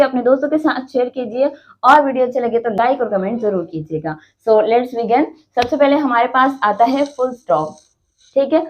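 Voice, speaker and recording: Higher-pitched Pakistani woman teaching slowly. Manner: explains slowly, with many "theek hai" checks; reads example sentences slowly and deliberately. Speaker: English teacher. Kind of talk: classroom lecture. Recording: muffled lo-fi recording.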